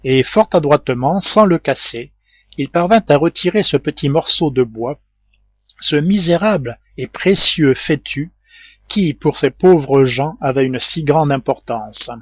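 A man narrating a classic novel as an audiobook reader, in a measured literary way. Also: on the high side, fairly bright tone, husky, no room sound, lo-fi sound. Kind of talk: scripted narration.

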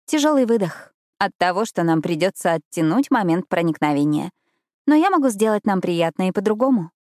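A woman narrates a first-person romance audiobook in an intimate, expressive way. Her voice sits somewhat low, and the recording is dry and close to the mic. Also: brisk, dry recording.

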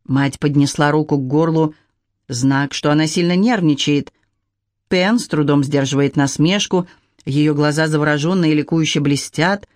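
Brief: audiobook narrator, middle-pitched, steady measured reading, dry close sound. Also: dry recording.

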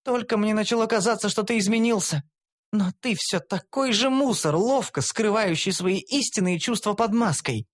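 A man's voice: high-pitched, normal speed, voice pushed up. A man putting on a scornful young elf woman. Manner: scornful, scolding. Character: sharp-tongued young female elf warrior.

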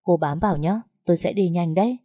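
A woman's voice: on the low side, a little fast, mellow, slightly rough, dry recording, studio quality. A woman voicing a shy young male office manager who speaks in an earnest, polite way.

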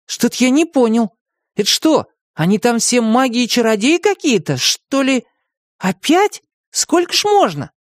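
A man's voice: very high-pitched, sing-song, a little slow, dry recording, studio quality, voice pushed up, full character voice. A man voicing a grumpy, skeptical young boy who grumbles and argues, in a storybook reading. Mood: grumbling. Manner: grumbling, argumentative.

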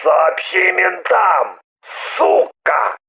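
A menacing male caller sneers down the telephone in a gravelly, creaking voice, drawing each insult out very slowly while his pitch leaps high and low, as a reader acts him out. The sound is dull and muffled like a cheap phone line, and his voice is husky and rough. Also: sing-song, exaggerated voice. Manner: slow, drawn-out, insulting taunts.

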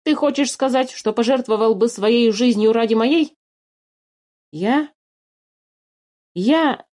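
A woman voicing a hot-tempered young boy who accuses and argues loudly. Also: a little high, normal speed, natural voice. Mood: hesitant, stubborn. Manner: loud, indignant, accusing.

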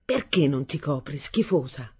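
A furious teenage boy, put on by a woman reader who hurls harsh, scornful insults. His voice is raised and husky, with a dark edge. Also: low voice, lively intonation, moderate pace, heavily acted.

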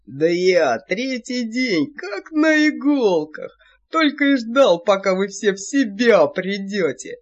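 Lady doing a smug vampire guy, lower and rougher than her own voice, teasing, slow drawl, kinda dull recording. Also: sing-song, full character voice. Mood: eager. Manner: teasing, sly. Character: smug mischievous male vampire lord.

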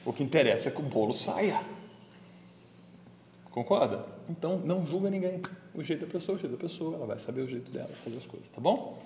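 A man delivering a homely, chatty sermon, his pitch rising and dipping in a lively way. He is recorded in a roomy space with a long reverb tail and faint ambient noise behind him. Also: fast. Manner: conversational, playful, chatting with listeners present. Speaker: pastor. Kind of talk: informal daily homily.

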